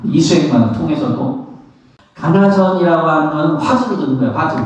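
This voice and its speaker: A middle-aged man, a Buddhist monk, giving a lively spoken lesson on meditation, laughing often and acting out how he counts his breaths. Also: on the high side, brisk, muffled recording. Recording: echoey room, somewhat far from the mic.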